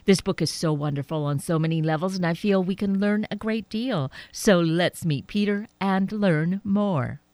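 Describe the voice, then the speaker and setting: A woman's voice: lowish voice, normal speed, few pauses, darkish tone, dry recording. A woman hosting a radio interview, introducing and questioning an author enthusiastically. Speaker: radio host.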